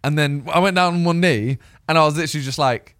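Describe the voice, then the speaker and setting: A man's voice: a little high, fast talker, fairly bright tone, dry recording, clean studio sound. A young man co-hosting a podcast, chatting casually, laughing often and acting out quoted dialogue. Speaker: podcast co-host. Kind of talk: casual chat.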